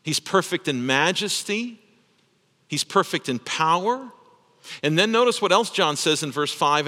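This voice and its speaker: Male pastor preaching in a reverberant sanctuary; emphatic, repetitive delivery with a bright edge. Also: on the high side. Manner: emphatic, repeats phrases for stress. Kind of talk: sermon.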